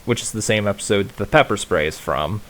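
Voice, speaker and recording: A man's voice: on the low side, fast talker, crowd noise. A man casually commenting while playing a video game, rambling and thinking aloud. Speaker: let's play host. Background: game music.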